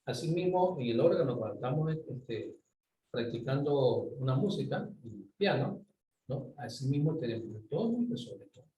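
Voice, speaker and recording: A man's voice: medium pitch, big pitch swings, moderate pace, warm tone, highs cut off. A man giving an online university lecture, explaining step by step and often checking that students follow. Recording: roomy, distant mic, faint ambient noise.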